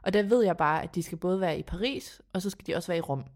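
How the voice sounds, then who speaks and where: A woman's voice: on the low side, darkish tone. A woman chatting informally and colloquially as a podcast host. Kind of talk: casual gossip chat.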